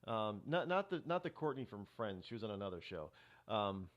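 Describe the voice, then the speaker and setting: A man's voice: on the low side, sing-song, a little fast. A middle-aged man hosting a talk show, rambling through a casual monologue with many restarts and fillers.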